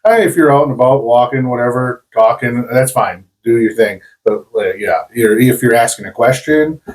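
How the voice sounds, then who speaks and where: A man from rural Wisconsin co-hosting a casual podcast, agreeing calmly and teasing his friends. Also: mid-range voice, moderate pace, rough recording. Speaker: podcast co-host. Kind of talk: casual chat.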